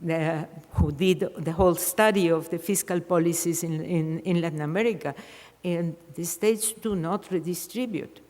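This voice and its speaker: A woman's voice: fairly low pitch, a little mellow, in a large hall. An older woman from Argentina, answering a question in an academic lecture, thinking aloud with frequent restarts and repeated words. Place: lecture hall.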